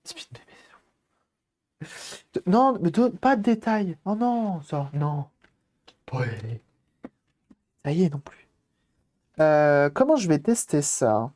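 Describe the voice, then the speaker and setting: A man's voice: fairly high pitch, big pitch swings, takes it slowly, pauses often, a little mellow. A man casually commenting on a live stream while repairing a game console, thinking aloud and greeting viewers as they arrive.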